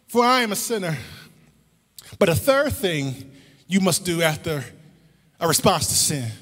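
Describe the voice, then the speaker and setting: A man preaching a sermon as pastor, shifting between slow emphatic lines and rising shouts with sung phrases, recorded in a church sanctuary. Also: sits high. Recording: church hall reverb.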